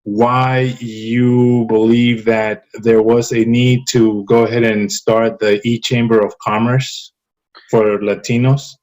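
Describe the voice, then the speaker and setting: A man's voice: mid-range voice, flat delivery, slow pace, darkish tone, low-quality recording. A man hosting an interview, asking questions hesitantly and repeating words. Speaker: interview host.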